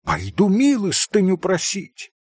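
A man's voice: high voice, huge pitch swings, measured pace, slightly rough, no room sound, studio quality, voice pushed up, full character voice. Grushenka, a man voicing a fiery hysterical young woman. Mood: defiant, furious. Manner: fiery, wailing outbursts. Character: passionate young woman, proud, hysterical, volatile. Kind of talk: audiobook character voice.

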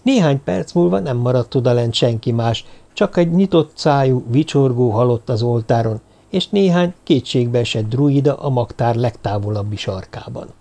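A man reading a novel aloud as an audiobook narrator, in measured, even storytelling. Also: medium pitch, gravelly. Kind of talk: scripted narration.

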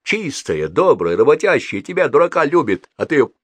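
A man voicing a seasoned police colonel who speaks calmly and firmly with a dry irony. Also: on the high side, fairly quick, slightly rough, no echo, pitched above the performer's own voice. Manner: calm, firm, dryly ironic. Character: seasoned police colonel, calm, dryly ironic.

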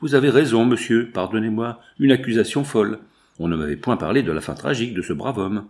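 A man's voice: on the low side, brisk, a little mellow, natural voice. A man voicing a distressed middle-aged woman who earnestly pleads her case to a magistrate in an audiobook. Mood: apologetic.

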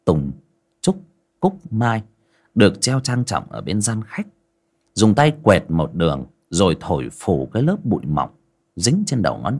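A man narrating a folk story in a vivid, expressive way. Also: fairly low pitch, slightly rough.

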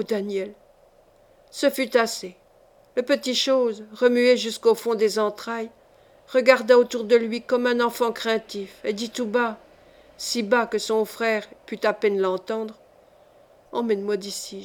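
Measured woman narrating a novel. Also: fairly high pitch. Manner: measured, clear storytelling. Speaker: audiobook reader. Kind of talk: audiobook narration.

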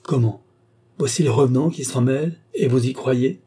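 A man's voice: mid-range voice, normal speed, dark tone, husky, close to an everyday voice. A man voicing a jovial, sceptical male ship captain in an audiobook reading. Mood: hearty.

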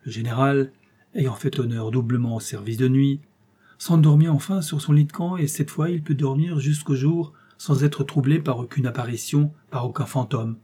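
A man reading an old adventure novel aloud as an audiobook narrator, in dramatic, measured phrases. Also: medium pitch, fairly even intonation, dark tone, husky.

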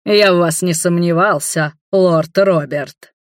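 An audiobook reader voicing a proud, booming male king in a fantasy novel, loud and solemn. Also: moderate pace, no echo, clean studio sound, natural voice.

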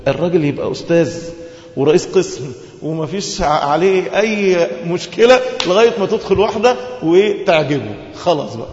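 A man with an Egyptian Arabic accent delivers a rapid religious lesson in a slightly high voice. He keeps asking the listeners questions and answering them himself. The sound is dull and lo-fi, with long reverb from a large hall. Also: animated, a little mellow, a little hiss or hum. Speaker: preacher.

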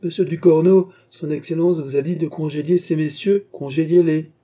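A man's voice: a little high, fairly even intonation, normal speed, warm tone, pitched above the performer's own voice, lightly acted. A man doing a cold, disdainful secretary. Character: proud, cold male secretary, a swindler.

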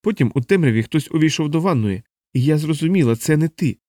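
A man's voice: a little high, expressive, warm tone, no room sound, studio quality, voice pushed up, lightly acted. A man voicing a frightened young woman. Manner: breathless, halting, fearful retelling.

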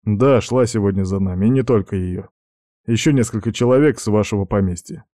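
A man voicing a calm, easygoing young man in an audiobook. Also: fairly low pitch, fairly quick, no room sound, clean studio sound, natural voice.

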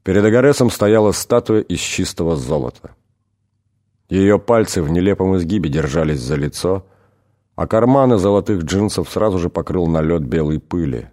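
A man narrating an audiobook in a measured, dramatic reading. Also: deep voice, lively intonation, warm tone. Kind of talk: scripted narration.

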